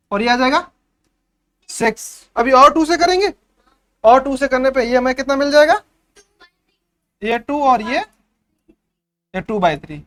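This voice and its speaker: A man teaching a maths revision class for young pupils, explaining step by step and often checking that the class has understood. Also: very high-pitched.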